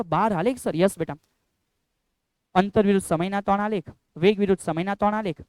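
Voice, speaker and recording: A man with a Gujarati accent teaching physics in an energetic lecture style, repeating key phrases and calling students beta. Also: high-pitched, smooth, no echo. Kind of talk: animated classroom lecture.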